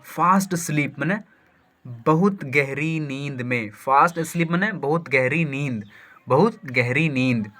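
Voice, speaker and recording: A man's voice: on the high side, pushed and bright. A man reads a story aloud for an English lesson, translating it line by line, repeating words and spelling them out. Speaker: English teacher.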